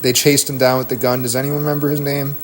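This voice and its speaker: A man's voice: mid-range voice, little pitch movement, quick pace, slight background noise. A man streaming from home, delivering a heated, profane, rambling rant into a desk mic. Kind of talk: ranting stream talk.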